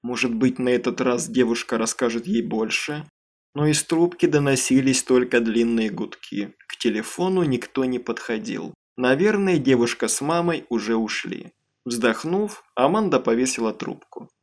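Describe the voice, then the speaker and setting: A man giving scripted audiobook narration in an even, measured reading. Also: medium pitch.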